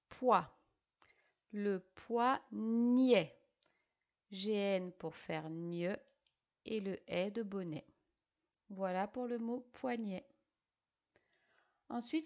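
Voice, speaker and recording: A woman teaching young pupils, correcting a dictation by sounding out each syllable and letter slowly. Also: medium pitch, a little mellow, muffled recording. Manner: slow, syllable-by-syllable spelling out. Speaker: primary school teacher.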